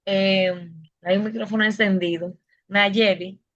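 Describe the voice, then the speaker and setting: Woman teacher, patient explainer, middle pitch, muffled lo-fi line. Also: steady tone, takes it slowly, a bit bright. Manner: patient, questioning, explains step by step. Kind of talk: online class instruction.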